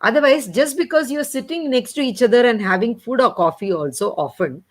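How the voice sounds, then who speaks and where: A woman's voice: a little high, lively intonation, fairly quick. Explanatory woman with an Indian accent. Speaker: coach. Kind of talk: casual panel discussion.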